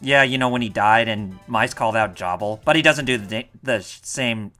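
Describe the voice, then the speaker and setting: Male stream co-host, bright medium-pitched voice, casual gaming commentary over quiet music. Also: normal speed. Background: faint game music.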